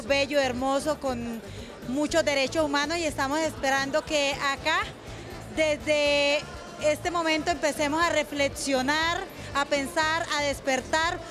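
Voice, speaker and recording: Earnest high-voiced woman from Colombia. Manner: earnest, passionate speech. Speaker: fan interviewed at event. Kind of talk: street interview. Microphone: handheld interview mic.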